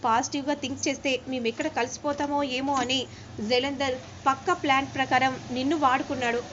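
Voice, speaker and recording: A woman voicing a calm adult man who reassures and explains steadily. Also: sits high, slight background noise. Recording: dull lo-fi with faint ambience.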